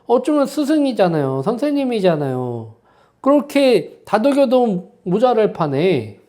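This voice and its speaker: A man's voice: high voice, warm tone. Impassioned male pastor preaching. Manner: impassioned, many rhetorical questions and prompting "eh?" tags. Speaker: senior pastor. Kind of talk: sermon. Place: church sanctuary.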